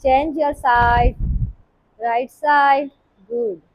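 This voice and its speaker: A woman leading a live yoga class, calling out poses in short, brisk commands. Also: sits high, steady tone, muffled recording. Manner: brisk, commanding cues mixing Hindi and English. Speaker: yoga instructor.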